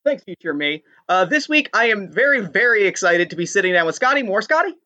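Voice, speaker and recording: A man recorded on a fuzzy laptop microphone, hosting a casual interview in an excited, informal way. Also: sits high, a little fast, no echo, dull audio. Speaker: podcast host. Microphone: built-in laptop microphone.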